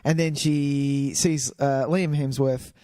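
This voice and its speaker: A man's voice: medium pitch, fairly even intonation, slow pace, warm tone. An Australian man co-hosting a casual movie review podcast, chatty and echoing his co-host's phrases. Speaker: podcast co-host.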